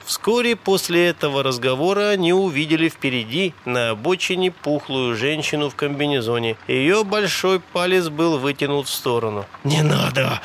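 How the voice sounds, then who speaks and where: A man narrating an audiobook in a steady storytelling manner. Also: on the high side, moderate pace, few pauses, slight background noise. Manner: steady storytelling with dramatic voices.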